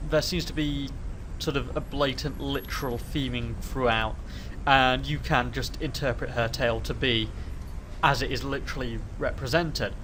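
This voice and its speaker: A man of medium pitch speaks at normal speed with fairly even intonation and a fairly bright tone, on a low-quality recording with a little hiss or hum. He has a cold and hosts a casual let's play, rambling hesitantly through his thoughts with many restarts and self-corrections.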